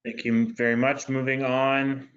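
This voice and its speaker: A man chairing a municipal council meeting in a flat, monotone way, reading items and calling votes. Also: mid-range voice, measured pace, dull audio. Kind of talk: formal meeting procedure.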